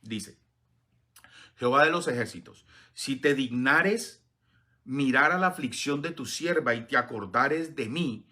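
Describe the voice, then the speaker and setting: Earnest male preacher, forceful bright tone, reads scripture and stops often on hesitant fillers. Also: medium pitch, lively intonation, unhurried. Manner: earnest, addresses listeners as beloved, frequent hesitant fillers; reads scripture passages aloud between comments. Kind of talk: sermon.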